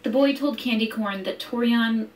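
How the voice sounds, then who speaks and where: A woman's voice: on the high side, moderate pace. Woman narrating a news story from a distance. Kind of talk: scripted narration.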